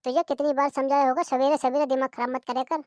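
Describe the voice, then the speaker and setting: A sleepy, rude cartoon husband who trades mocking insults, as a woman puts him on. The voice stays fairly high and is recorded dry and close. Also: flat delivery, fast talker, a little mellow, no echo, close to an everyday voice. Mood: irritated. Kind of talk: cartoon comedy voice-over.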